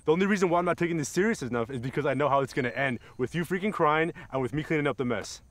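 A man's voice: fairly high pitch, racing, fairly bright tone, no echo, lightly acted. A man playing a laid-back, careless boyfriend who gets defensive in a comedy sketch.

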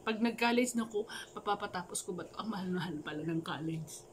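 A woman's voice: lowish voice, quick pace, noisy background. A woman vlogger telling a moral story casually, with playful joking asides. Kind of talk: casual storytelling with a life lesson.

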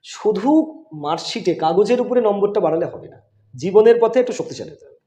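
A man's voice: high-pitched, animated, fast talker, warm tone. A middle-aged man, a school headmaster, answering interview questions in an emphatic, insistent way. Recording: roomy, echoey room.

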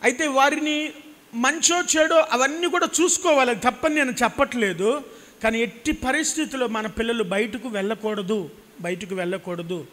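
Here the pastor's voice climbs to an extremely high pitch with a somewhat bright tone. He is a Telugu-accented man in his thirties, fervently preaching into a handheld mic on a church stage with a cross behind him and echoing key phrases, all carried by hall reverb.

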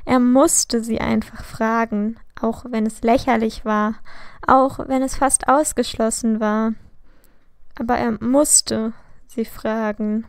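A woman narrates a storybook tale at an unhurried, deliberate pace. Her voice is slightly high with a gravelly edge, and she leans into the drama of each line. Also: steady tone, dry recording, studio quality. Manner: slow, dramatic reading. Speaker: fan fiction reader.

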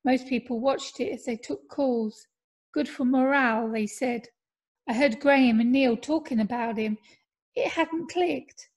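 A woman narrating a first-person audiobook in a measured, steady reading voice. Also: high voice, breathy edge. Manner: measured, steady reading with soft dips in level.

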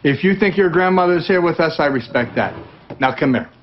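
An actor playing a gruff, dry older husband in a sitcom, speaking in a curt way. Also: male voice, a little high, animated, fairly quick, slight background noise, close to an everyday voice. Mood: placating. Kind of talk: sitcom acting. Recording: dull lo-fi TV clip audio.

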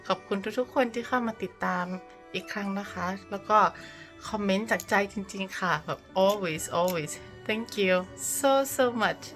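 With soft music behind her, this Thai woman speaks at a measured pace in a medium pitch. Her relaxed vlog chat as a mother features a Thai accent, lots of laughing, and English phrases mixed in.

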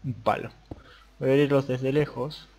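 A young Argentine man talking casually over a modded Minecraft game, jumping between quiet mutters and excited yelps. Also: mid-range voice, moderate pace, breathy edge. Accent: Argentine Spanish. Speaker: gaming youtuber. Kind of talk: casual Minecraft let's play commentary.

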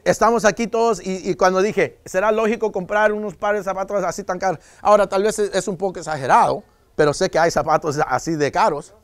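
High-voiced man lecturing parents, dry sound. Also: no room sound. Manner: joking, acts out parents and kids in quoted voices. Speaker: police officer giving a talk to parents. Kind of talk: live lecture to an audience.

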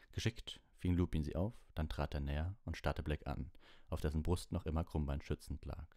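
A man reading an audiobook in a steady, measured narration. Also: rumbling low, no room sound, studio quality. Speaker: audiobook reader.

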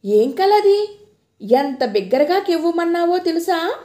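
A woman's voice: extremely high pitch, very animated, measured pace, dark tone, pitched above the performer's own voice, full character voice. A woman voicing a worried, caring young husband who asks anxious, soothing questions. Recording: roomy echo.

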